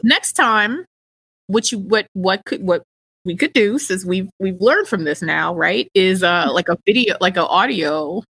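A woman's voice: mid-range voice, lively intonation, unhurried, vocal fry, a bit bright, slightly rough. A woman co-hosting a casual podcast chat, rambling a little and restarting her sentences as she thinks aloud. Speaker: co-host, physician.

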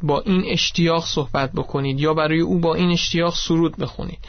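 Calm male teacher, dull recording. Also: fairly high pitch, no echo. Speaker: preacher. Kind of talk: teaching on worship.

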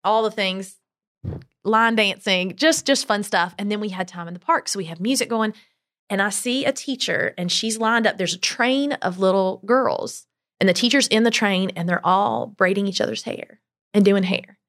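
A woman's voice: medium pitch, normal speed, a bit bright. Chatty, emphatic woman with a mid-range voice. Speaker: podcast guest, travel business owner. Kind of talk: conversational interview storytelling.

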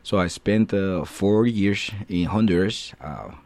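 A deep-voiced guest in his thirties, his plain in his English. He answers radio interview questions hesitantly, with many filler sounds. The sound is dry, with no room around it. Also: slow pace, darkish tone, no room sound. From Guatemala. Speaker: guest, assistant professor.

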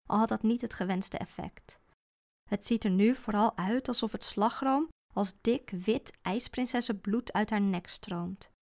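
A woman reading a first-person story aloud, expressive with a deadpan sense of humour. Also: mid-range voice.

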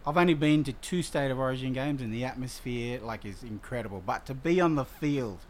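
A man's voice: mid-range voice, a little fast, a little hiss or hum. A man with an Australian accent hosting a casual sports interview in an informal, chatty way. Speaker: interviewer, host.

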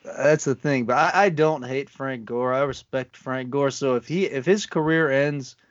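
A podcast co-host with a mid-range voice chats casually about football at a normal speed. He is laid-back, laughs easily, and often restarts his sentences, and the audio is lo-fi.

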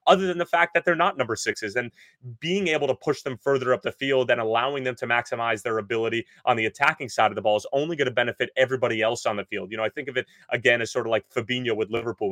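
A man talks sport at a brisk clip from inside a clothes closet, his voice sitting in a middle pitch for a man. The clothes around him soak up the sound, so it comes across dry and close, with no bounce from the walls. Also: dry recording. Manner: quick, energetic sports analysis. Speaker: podcast co-host. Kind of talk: casual sports podcast chat.

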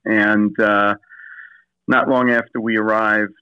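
Man over the phone, guest pastor, halting with ums, muffled lo-fi line, dry sound. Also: fairly low pitch, little pitch movement, clean tone, no room sound. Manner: hesitant, many fillers and restarts. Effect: heard over the phone. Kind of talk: casual interview answers.

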